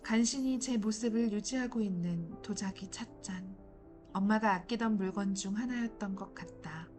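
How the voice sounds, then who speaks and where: A woman's voice: mid-range voice, normal speed, a little mellow, soft background music. A woman giving casual, chatty gameplay commentary and muttering to herself as she plays. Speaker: gameplay streamer.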